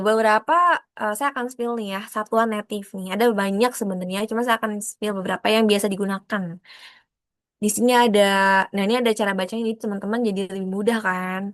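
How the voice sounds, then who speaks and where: A woman explaining a lesson in an online class over a video call, repeating examples and filling pauses as she goes. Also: mid-range voice, no room sound. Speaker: Korean language teacher.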